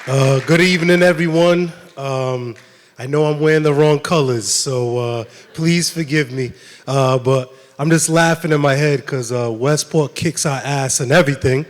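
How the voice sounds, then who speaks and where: A man coaching football gives a loose, stop-start thank-you speech with lots of ums. His fairly high voice echoes around a large hall. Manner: casual, halting, many fillers. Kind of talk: informal speech at an awards night. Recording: reverberant hall.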